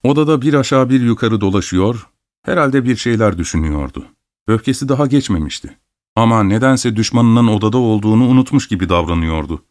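Expressive male audiobook narrator. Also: on the low side, fairly quick. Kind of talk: audiobook reading.

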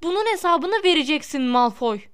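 A woman's voice: high voice, fairly quick, fairly bright tone. A woman voicing a rash, hot-headed schoolboy in a storybook reading. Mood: furious.

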